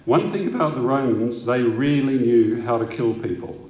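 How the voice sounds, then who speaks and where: A man's voice: mid-range voice, moderate pace, a little mellow. A man preaching a sermon, asking rhetorical questions and telling stories with emphasis. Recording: echoey room, dull lo-fi sound.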